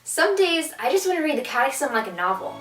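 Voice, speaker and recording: A young woman with a slightly high voice co-hosts a casual scripted video, bubbly and enthusiastic. The recording is roomy and echoey. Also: big pitch swings, fast, over loud music. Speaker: co-host. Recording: echoey room, mic at a distance.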